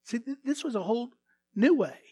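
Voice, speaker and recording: A man preaches to his church in a loose, conversational way, stumbling into restarts and acting out quoted lines as he goes. His voice sits notably high for a man. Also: lively intonation, a little fast, a little mellow, breathy edge. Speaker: pastor. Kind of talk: sermon.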